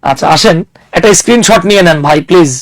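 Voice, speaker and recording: A man's voice: sits high, quick pace, dry recording, rough recording. Give me a man, lecturing a class and asking his students questions. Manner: explains with everyday examples, asks the class questions. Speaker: English teacher.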